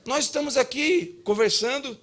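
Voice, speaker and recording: A man's voice: very high voice, normal speed, a bit bright. A man preaching a sermon as pastor, emphatic and humorous. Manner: humorous, acts out dialogues. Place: church.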